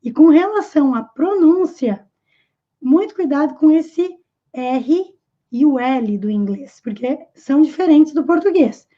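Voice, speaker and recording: A woman's voice: sits high, expressive, measured pace, highs cut off. A Brazilian woman teaching an online English lesson, explaining patiently and asking her viewers questions.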